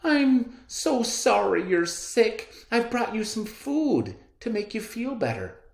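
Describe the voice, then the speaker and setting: A man voicing a kind, innocent little storybook girl in a high, earnest sing-song. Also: sing-song, slow, creaky, exaggerated voice. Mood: sympathetic. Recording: roomy, echoey indoor recording.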